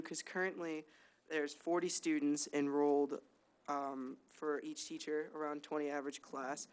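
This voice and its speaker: Male trustee, a bit high and flat-voiced, smooth tone, careful number-cruncher. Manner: careful, works through figures, stumbles on words. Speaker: trustee asking questions.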